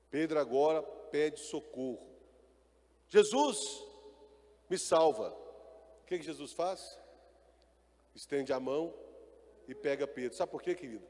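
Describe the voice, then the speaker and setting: A man preaching a sermon in a hall with long, trailing reverb. His voice sits somewhat high, and he calls for answers from the congregation before surging into loud, emphatic lines. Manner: preaching with call-and-response and rising emphatic bursts. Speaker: pastor.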